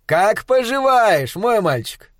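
Male reader doing a loud, drawn-out, jovial plump shopkeeper, high and slow, dry. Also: sing-song, no room sound, full character voice. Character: jolly plump rosy-cheeked male shopkeeper, teasing.

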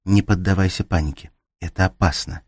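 A man reading the part of a young woman who stays calm and takes charge in danger, in an urgent hushed voice. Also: sits low, fairly quick, breathy edge, no echo, studio quality. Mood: urgent whisper. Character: young woman, tense but steady in danger.

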